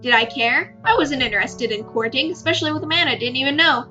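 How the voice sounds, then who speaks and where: A woman reading a visual novel aloud with expressive asides, laughing easily and tripping over words. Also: high voice, quick pace, lo-fi sound, over music. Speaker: gamer narrating a visual novel.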